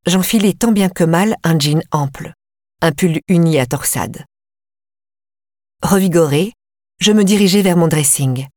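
A woman with a low voice narrates a first-person audiobook calmly and with measured delivery. The recording is close and dry, without any room sound.

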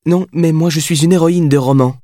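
A man reading the part of a spirited, impulsive young woman who answers in quick, teasing retorts. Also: fairly high pitch, animated, warm tone, no room sound, clean studio sound, pitched above the performer's own voice. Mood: cheeky. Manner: quick, teasing, triumphant replies.

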